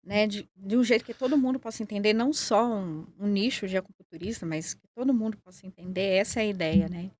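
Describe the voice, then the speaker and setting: São Paulo woman explaining calmly. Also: mid-range voice, quick pace, few pauses. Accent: Paulista Brazilian Portuguese. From São Paulo, Brazil. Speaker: guest, acupuncturist and nurse. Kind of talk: interview answers.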